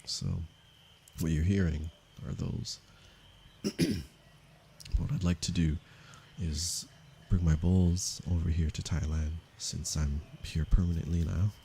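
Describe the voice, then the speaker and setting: A man from Canada, a meditation teacher, speaking softly and unhurriedly to viewers of his livestream. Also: low voice, steady tone, a little hiss or hum. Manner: slow, soft-spoken and unhurried, with pauses. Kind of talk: calm livestream talk to viewers.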